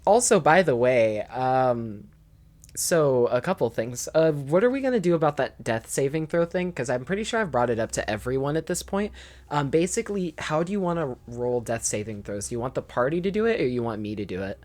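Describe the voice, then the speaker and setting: A woman's voice: a bass voice, animated, brisk, a little mellow. A young woman running a tabletop game, chatty and organizing the players with frequent "um"s. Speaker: game master.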